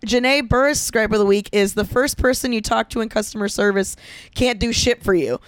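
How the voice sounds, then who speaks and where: A woman's voice: on the high side, a little fast, clean tone, dry recording, clean studio sound. Woman host reading listener gripes aloud. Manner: laughs often, profane. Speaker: podcast host. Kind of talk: casual podcast chat, reading listener gripes.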